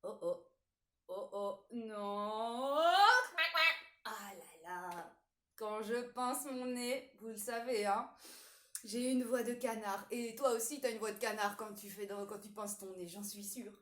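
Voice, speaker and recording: A woman hosting a children's music show from her home, playfully leading a warm-up and talking straight to the young viewers. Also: medium pitch, fairly even intonation, slow pace, echoey room. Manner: playful, addresses children directly.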